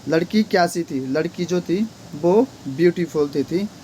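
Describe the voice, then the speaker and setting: A man's voice: on the high side, measured pace, warm tone, slight background noise. A man teaching an English grammar lesson, repeatedly asking questions and answering them himself.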